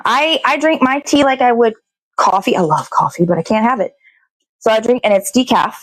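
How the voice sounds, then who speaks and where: A show host with a fairly high, expressive voice talks briskly as she cooks at home, rambling casually, thinking aloud and adding small sing-song asides.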